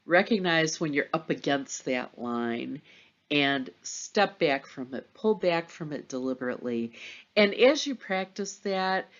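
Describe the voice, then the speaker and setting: A middle-aged woman giving a gentle, encouraging motivational pep talk as a teacher, speaking in a measured, reassuring way with deliberate pauses, in a dull lo-fi recording. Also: low-pitched, lively intonation. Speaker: teacher addressing students at semester's end.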